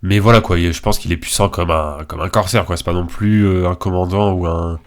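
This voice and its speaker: Low-pitched and steady, this young male video creator speaks a little fast. His head cold leaves him congested as he hesitantly delivers informal, slangy commentary on a tier list.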